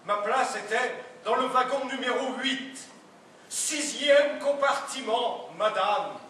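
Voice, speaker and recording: A man acting a stiff, overly polite husband in an absurdist stage play, speaking in a formal, ceremonious deadpan. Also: very high-pitched, slow pace, a little hiss or hum, heavily acted. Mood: stiffly polite. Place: theatre stage. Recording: echoey stage sound from a distant mic.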